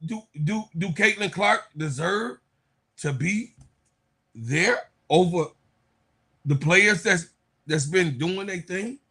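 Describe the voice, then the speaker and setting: Podcast co-host, male, slow deliberate delivery, preachy and emphatic. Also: high voice, lively intonation, pushed and bright, slightly rough. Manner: emphatic, preachy, repeats points for effect. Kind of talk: heated sports debate.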